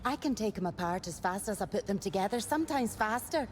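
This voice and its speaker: An actress voicing an eager, scatterbrained inventor in a video game, flustered and easily distracted. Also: female voice, mid-range voice, animated, fairly quick, a little hiss or hum, lightly acted. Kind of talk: video game character dialogue.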